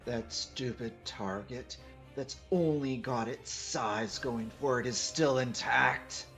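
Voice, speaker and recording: A man voicing an arrogant, scornful male demigod king in a fan reading, reaching for a deeper voice with a haughty, mocking delivery. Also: slow pace, a bit bright, faint music behind. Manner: haughty, mocking, trying to sound deep. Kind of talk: fan reading of a visual novel.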